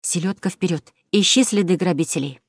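A woman reader plays a brave candy-shop mother from a children's tale. She gives orders in a firm, commanding voice, close and dry, lower than most women. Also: brisk, husky, dry recording. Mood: stern.

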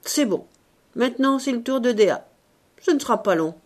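Lady reading as a grumpy old showman guy in an audiobook, loud and blustery, voice swoops up and down. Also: a little high, expressive, moderate pace, voice pushed up. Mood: sardonic. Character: grumpy old male showman, sardonic and gruff.

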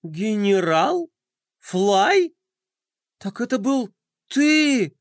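A man's voice: sits high, big pitch swings, extremely slow, no room sound, studio quality, voice pushed up, exaggerated voice. A man voicing a brave, bossy little girl in a children's story, giving eager commands. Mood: puzzled.

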